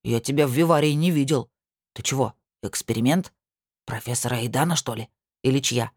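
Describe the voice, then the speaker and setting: Woman putting on a low curious little creature, Barmasur. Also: fairly quick, a little mellow, husky, no room sound, studio quality. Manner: plain, curious, kindly questioning. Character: small crimson male cat-squirrel creature, friendly, curious.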